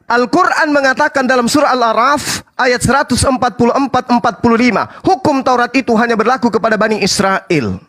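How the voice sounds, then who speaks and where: A man's voice: very high-pitched, a little fast, a bit bright. A man in a heated religious debate over an online call, pressing his questions and mocking his opponent.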